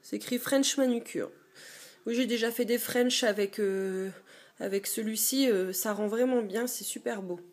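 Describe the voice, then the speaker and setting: A young woman vlogging from a dim bedroom, her voice sitting a little high. She talks in a casual, chatty show-and-tell way. She pauses often and fills the gaps as she goes. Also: darkish tone. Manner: chatty, hesitant, many fillers. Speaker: beauty vlogger.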